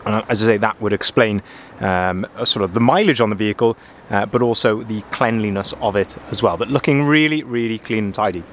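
This walkaround van review comes from a Welsh sales manager whose fairly low male voice moves briskly. He chats his way around the vehicle in an outdoor yard before getting into the cab, padding his talk with fillers, repeating points and saying "as I say." His own handheld camera records it, with a little background noise.

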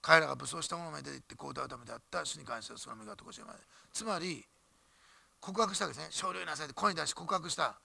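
A man preaching a sermon in church as pastor, animated and emphatic, with jokes and asides. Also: fairly high pitch, racing, vocal fry, husky.

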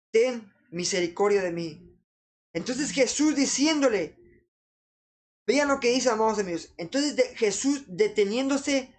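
A preacher delivering a sermon, earnestly pleading and constantly repeating an address to beloved friends. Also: medium pitch.

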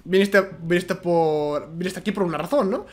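A man's voice: sits high, moderate pace, close to an everyday voice. A man voicing a timid, defensive young male alien from a video game. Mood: hesitant.

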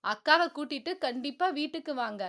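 A cheerful, easygoing young man who talks in a breezy, chatty manner, as a woman narrator puts him on. The voice is bright and pitched high. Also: animated, fairly quick.

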